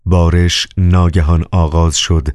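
A man narrating a novel as an audiobook, with a measured, solemn reading. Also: sits low, level tone, darkish tone, no echo, studio quality.

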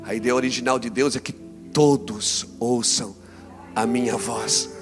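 A man preaching a sermon, swinging between loud exclamations and quiet, low passages. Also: steady tone, measured pace, in a large hall, music in the background.

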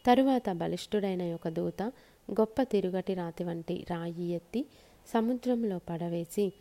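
Dark-voiced woman reading scripture solemnly. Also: fairly low pitch. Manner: measured, solemn phrasing in short pauses. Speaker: scripture reader.

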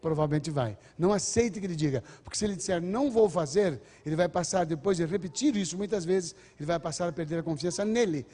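An older man gives an earnest parenting lecture to a big crowd, now and then acting out what parents and children say to each other. His voice sits a bit high but sounds mellow and dark. A long reverb trails after his words in the hall. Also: fast talker, hardly any pauses. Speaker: speaker on parenting. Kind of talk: lecture to a large audience.

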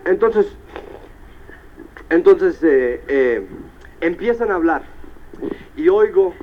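A man speaks to a live audience in a fairly high voice. He tells stories with lots of energy and keeps tossing in English asides. The recording is a bit dull and lo-fi, with faint noise underneath. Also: slow pace. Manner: animated storyteller, peppers Spanish with English tags like "right?" and "all right". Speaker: motivational speaker at a business convention. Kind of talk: live motivational speech to an audience.

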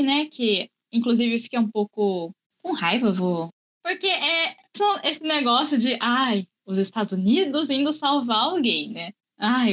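Woman, fairly high pitch, chatty, casual film talk. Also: fairly bright tone. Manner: chatty, explains at length.

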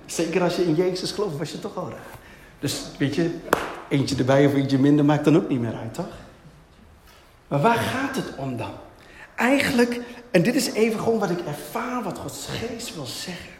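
A man preaching a sermon, asking and answering his own questions in a lively way. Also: a little high, moderate pace, a crowd in the background. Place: church hall. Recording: echoey hall, long reverb.

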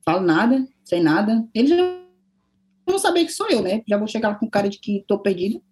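A Brazilian woman chatting casually as a guest, telling an animated story and acting out the lines of the people in it. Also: mid-range voice, a little fast, soft background music. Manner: animated storyteller who acts out quoted dialogue. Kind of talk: casual chat.

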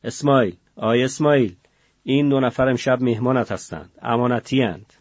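A man's voice: medium pitch, a little mellow, slightly rough, no echo, highs cut off, natural voice. A man doing a curt, barking jail policeman. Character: gruff, curt male prison policeman.

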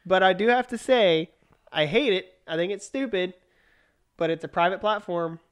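A man's voice: high-pitched, moderate pace, clean tone. A man co-hosting a casual political chat podcast, talkative and opinionated, often restarting his sentences. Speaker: podcast co-host.

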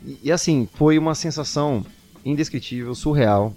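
A man's voice: fairly high pitch, moderate pace. A young man, a singer telling a personal story casually and animatedly, acting out what people said. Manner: animated, quotes people in excited voices.

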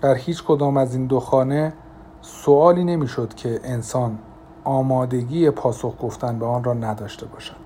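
A man narrating an audiobook in a calm, measured reading voice. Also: mid-range voice, slight background noise. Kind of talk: scripted narration.

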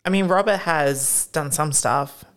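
A woman's voice: low voice, a little slow. A woman co-hosting a casual chat, easygoing and self-deprecating, laughing often. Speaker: co-host.

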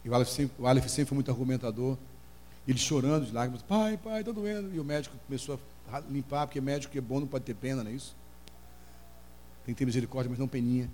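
A middle-aged Brazilian man preaching a sermon as pastor, telling an emotional story and crying out in high voices as he acts out the people in it. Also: little pitch movement, racing, dark tone. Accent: Brazilian Portuguese. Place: church hall. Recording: long hall reverb, faint hum.

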